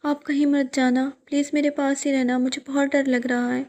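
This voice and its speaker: A woman's voice: high-pitched, level tone, darkish tone. A woman voicing a frightened young wife who pleads anxiously with her husband. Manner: pleading, fearful.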